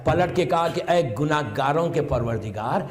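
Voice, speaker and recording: At a religious gathering before a live audience, a preacher with a fairly high, expressive voice dramatizes a story, voicing its dialogue with mounting passion and occasional shouts. English words slip into his speech, and the recording carries the long echo of a big hall.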